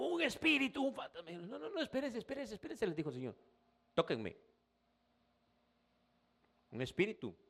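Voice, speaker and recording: A male pastor preaching a sermon in a conversational way, often addressing the listener as brother and rising into emphatic bursts. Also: medium pitch.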